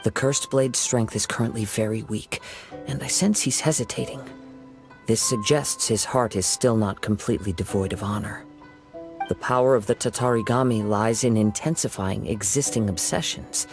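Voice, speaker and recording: Kazuha, a man doing a calm young samurai. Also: fairly low pitch, music in the background, lightly acted. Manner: calm, measured and soothing. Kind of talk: video game voice acting.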